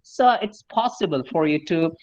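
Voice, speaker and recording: A man from Kerala, India, teaches pronunciation in a friendly online lesson, explaining, demonstrating, and regularly spelling words letter by letter. His Malayali-accented English comes in a high-ish voice with lively intonation at normal speed, though the audio is dull.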